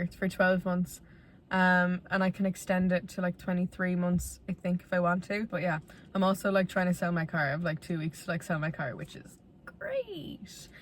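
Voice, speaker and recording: A woman in her twenties speaks with a west of Ireland accent in a fairly low voice. She talks like a vlogger confiding in her viewers, casual and candid. Her delivery is conversational and rambling, with a self-deprecating streak. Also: level tone, moderate pace. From Galway, Ireland. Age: 20s.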